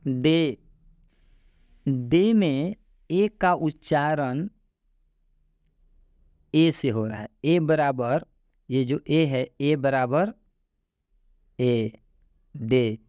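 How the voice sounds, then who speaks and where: A man explains English pronunciation, stretching each sound out and saying key words again and again. His voice is smooth and clear, and he speaks at an unhurried pace. The sound is dry and close, with no room echo. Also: on the high side, a little mellow. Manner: spells sounds out slowly and repeats key words. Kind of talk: slow explanatory lesson.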